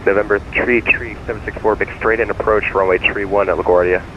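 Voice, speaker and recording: A man with a very low voice works as an air traffic controller. He speaks in clipped procedural phraseology over a muffled radio, with faint aircraft noise behind him. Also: fairly even intonation, fairly quick. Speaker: air traffic controller in online flight simulation.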